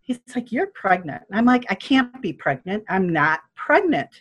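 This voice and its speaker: Older woman, lively husky storyteller. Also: mid-range voice, moderate pace, highs cut off. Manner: animated, acts out quoted voices, laughs often. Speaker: guest telling her birth story. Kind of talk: casual storytelling.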